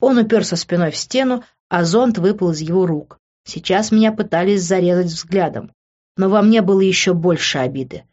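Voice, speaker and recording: A woman reading a first-person novel aloud as an audiobook narrator, with an expressive delivery that shifts into character voices. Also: lowish voice, normal speed, dull audio.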